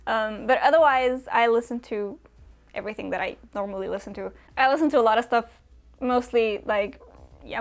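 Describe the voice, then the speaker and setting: Chatty young woman from Romania. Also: a little high. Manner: chatty, frequent fillers and small laughs. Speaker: booktuber answering viewer questions. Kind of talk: casual chat.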